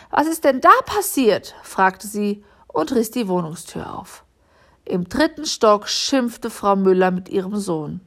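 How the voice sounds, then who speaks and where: Female audiobook reader, slow and calm, reading a children's story. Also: mid-range voice, creaky. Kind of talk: storybook narration.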